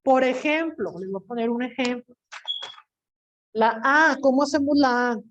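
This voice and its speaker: A young woman teacher lectures her class in a lively way. She speaks in a fairly high voice, slips into quoted voices and puts questions to her students. The recording sounds dull and lo-fi. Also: a little slow, slight background noise.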